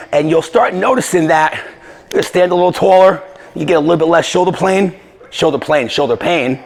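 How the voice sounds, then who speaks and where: Male fitness coach, breathless after exercises, upbeat and chatty, voice on the high side. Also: vocal fry. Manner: energetic, conversational, with filler restarts. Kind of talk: casual exercise tutorial.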